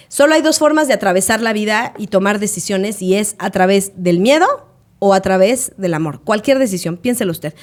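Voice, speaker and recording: A Mexican woman in her late thirties, a podcast co-host, telling stories in a casual chat and acting out the people she quotes. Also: medium pitch. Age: late 30s. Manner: animated, acts out quoted voices.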